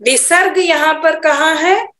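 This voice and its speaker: A woman teaching Sanskrit pronunciation for Vedic chanting, slowly demonstrating each syllable. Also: high-pitched, pushed and bright, echoey room. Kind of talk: online pronunciation lesson.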